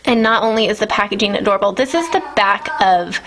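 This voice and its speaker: A woman in her thirties gushing through a casual product review at home, excited and chatty. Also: mid-range voice, fast, a little hiss or hum. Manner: gushing, enthusiastic. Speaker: nail art vlogger. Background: children.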